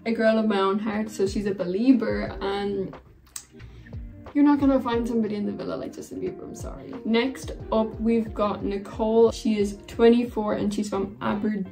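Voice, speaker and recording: A woman's voice: mid-range voice, fairly even intonation, moderate pace, warm tone, faint music behind. A woman in her twenties casually gossiping and giving opinions in a reaction vlog. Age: 20s. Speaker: reaction vlogger.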